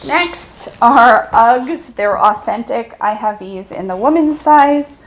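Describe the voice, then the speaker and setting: A woman's voice: fairly high pitch, lively intonation, takes it slowly, noisy background. A woman hosting a casual chat as a thrift reseller, talking through items and their sizes and laughing easily. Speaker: thrift reseller and channel host.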